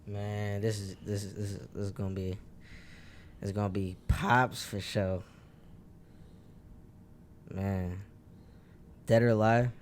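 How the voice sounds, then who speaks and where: Young male guest, casual and unhurried, faint noise behind. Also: lowish voice. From Michigan. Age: 20s. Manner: relaxed, repeats himself while thinking. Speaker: guest rapper. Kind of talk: casual chat.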